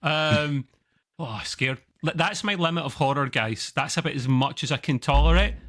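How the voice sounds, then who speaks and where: A man hosts a relaxed gaming podcast, chatting along in an excitable, rambling way. His voice is bright and a touch tense, and it climbs sharply whenever he gets worked up. He sounds like a regular who knows his co-hosts well. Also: normal speed. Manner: excitable and chatty, jumps up in pitch when enthused. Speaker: podcast host. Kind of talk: casual chat about video games.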